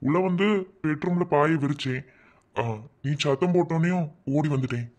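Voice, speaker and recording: A man voicing a caring older brother who scolds gently, with a Madurai Tamil accent. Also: a little high, moderate pace, natural voice. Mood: concerned. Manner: scolding yet caring, village speech.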